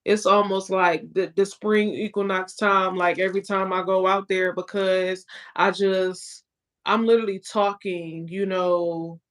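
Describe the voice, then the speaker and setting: A woman's voice: medium pitch, steady tone, a little slow. A woman co-hosting a casual podcast chat, telling stories in a laid-back, profane, slangy way. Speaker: co-host.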